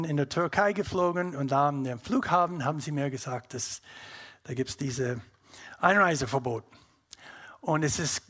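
Speaking German with his English-speaking North American accent, a middle-aged native English speaker from North America shares a personal testimony with an audience. He gropes for words as he goes, in a high voice with a fairly bright tone.

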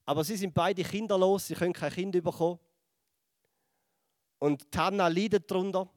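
Swiss German preacher retelling a story. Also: male voice, high voice, moderate pace, no room sound, clean studio sound. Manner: lively storytelling, acts out voices and drops to a hush. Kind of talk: sermon retelling a Bible story.

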